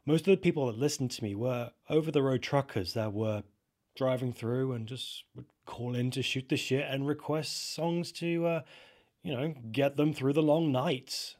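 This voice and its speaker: A man's voice: mid-range voice, normal speed, a little mellow. Casual male storyteller. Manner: casual, conversational telling. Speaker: narrator. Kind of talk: storytelling narration.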